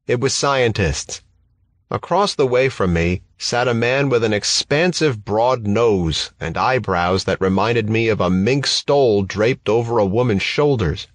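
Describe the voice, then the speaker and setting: A man reading a first-person audiobook in a steady, measured way. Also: fairly low pitch, dry recording. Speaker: audiobook narrator.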